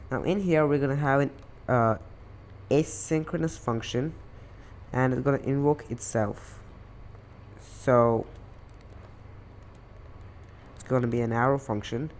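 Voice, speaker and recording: A man's voice: mid-range voice, a little mellow, a little hiss or hum. Man explaining code step by step. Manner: explanatory, walks through code step by step with fillers. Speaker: coding tutorial host. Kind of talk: screen-recorded coding tutorial.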